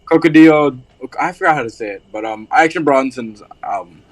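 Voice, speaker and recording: A man's voice: medium pitch, lively intonation, brisk, fairly bright tone, rough recording. A man hosting a casual podcast, loose and profane, rambling with lots of fillers. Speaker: podcast host.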